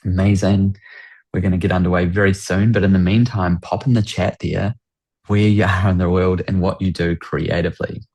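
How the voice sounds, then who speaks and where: Hosting an upbeat business webinar on a video call, a deep-voiced man with a New Zealand accent speaks at normal speed in a level, darkish tone. He greets everyone with lots of enthusiasm, welcoming and praising them again and again.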